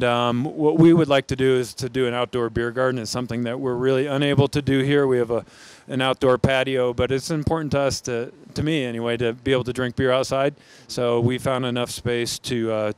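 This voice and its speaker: Middle-aged american guy talking into a handheld mic on a brewery floor, smooth clear voice, restarts a lot. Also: medium pitch. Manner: thoughtful, with frequent restarts. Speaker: brewery founder. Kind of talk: on-camera interview. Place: large brewery floor among steel tanks.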